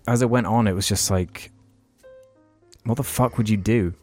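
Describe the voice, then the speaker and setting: A young podcast co-host with a lowish, darkish voice and a breathy edge tells a long, rambling story in casual chat. He swears heavily and freely throughout.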